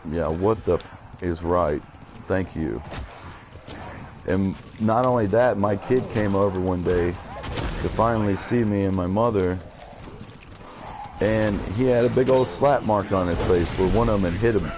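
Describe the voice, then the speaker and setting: A man's voice: deep voice, unhurried, long pauses, noisy background. A man in his thirties talking on a live game stream, blunt, profane and emotional as he vents.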